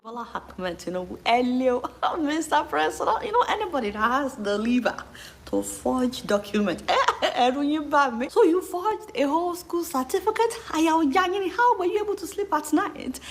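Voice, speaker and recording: A woman from Nigeria with a Nigerian accent giving satirical commentary, animated and mocking, mixing Yoruba phrases into English. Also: high-pitched, normal speed. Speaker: commentary host.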